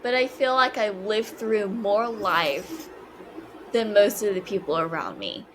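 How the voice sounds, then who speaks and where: A woman's voice: mid-range voice, lively intonation, a little slow, noisy background. A woman in her twenties, a podcast guest, talking hesitantly with many fillers and restarts. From China. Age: 20s. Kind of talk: casual interview conversation.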